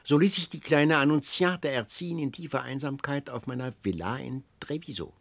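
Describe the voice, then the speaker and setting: A man reading aloud, voicing an old counselor who persuades with ornate, flattering speech, in a storybook reading. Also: mid-range voice, fairly quick, gravelly, dry recording. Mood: confiding.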